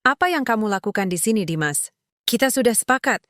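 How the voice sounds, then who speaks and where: A woman's voice: medium pitch, expressive, fast talker, a bit bright, no echo, studio quality, voice pushed up, close to an everyday voice. A woman voicing a firm, protective mother. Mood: firm reproach.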